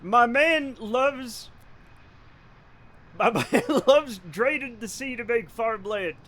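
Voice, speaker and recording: Rhode island guy streaming games, high voice, rambly and jokey, swears a lot. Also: a crowd in the background. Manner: rambling, joking, cursing freely, quick to laugh. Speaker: livestreamer. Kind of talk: casual live-stream chat while gaming.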